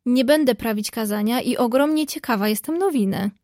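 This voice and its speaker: A woman's voice: a little high, fairly quick, dry recording, clean studio sound, natural voice. A woman doing a spirited outspoken young woman. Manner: lively, outspoken.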